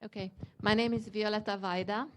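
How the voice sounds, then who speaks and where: A woman from Hungary asking a panel a measured, thoughtful question from the audience. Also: medium pitch, fairly even intonation, slight background noise.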